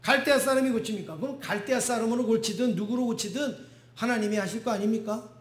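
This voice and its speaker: A man's voice: very high voice, fast talker. A middle-aged male pastor preaching a sermon in a conversational way. He keeps asking the congregation questions and acts out the voices he quotes. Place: church sanctuary. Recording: echoey church hall.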